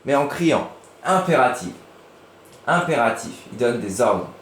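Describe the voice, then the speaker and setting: A man teaching a class of young children, lively and playful, with a medium-pitched voice. He is recorded in an echoey room with a faint hiss behind him. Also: measured pace.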